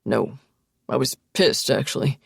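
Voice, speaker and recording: In a soft, wistful way, a calm and friendly middle-aged man looks back on old friends, though a woman voices him in her own low, gravelly, husky register. The delivery is unhurried, reflective, and heavily acted, recorded close and dry with no echo, like an audiobook.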